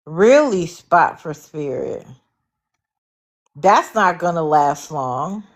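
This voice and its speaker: A woman from Connecticut hosting a livestream, giving sarcastic, animated commentary. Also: low voice, takes it slowly. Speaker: livestream host.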